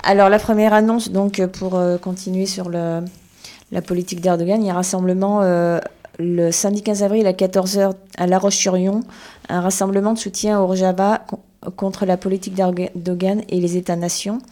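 A woman's voice: mid-range voice, little pitch movement, fairly quick, dark tone. A woman hosting a community radio show, reading announcements with some hesitation. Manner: hesitant, unsure of names.

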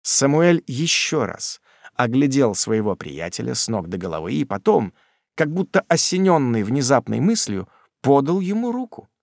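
A male audiobook narrator reads a classic novel with a lively, expressive voice that moves around a lot in pitch. The recording is dry and close, with no room sound. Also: creaky, no room sound. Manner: expressive, measured storytelling. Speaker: audiobook reader.

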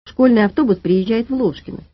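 A woman voicing a brash, blunt teenage girl in an audiobook, talking quickly and with emphasis. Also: a little high, no echo, muffled recording, close to an everyday voice. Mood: eager.

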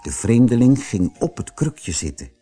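A man reading a fairy tale audiobook as narrator, slow and very expressive. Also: mid-range voice, soft background music.

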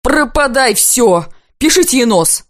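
A wildly excited young painter, as a woman reader puts him on, bursts out in frantic exclamations, almost in tears. His voice pitches up high and the sound is dry and close, with no room around it. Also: measured pace, no room sound. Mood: frantic, rapturous. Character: excitable young male painter, shouting in rapture.

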